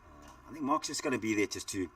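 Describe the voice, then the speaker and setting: A middle-aged South African man commentates live cricket, chatty and rambling, with plenty of fillers. His voice sits very low. He is picked up from a little way back from the microphone. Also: lively intonation, quick pace, fairly bright tone, distant mic, a little hiss or hum.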